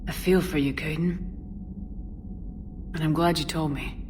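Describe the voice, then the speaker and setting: A woman's voice: low voice, fairly even intonation, a little slow, background noise. A woman playing a resolute, supportive military commander in a video game, firm and controlled.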